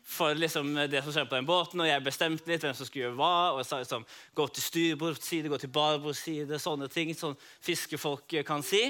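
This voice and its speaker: A man telling a Bible story to children in the first person, as if he were Peter himself. He tells it in a lively, dramatic way and speaks straight to his young listeners. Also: on the high side, hardly any pauses.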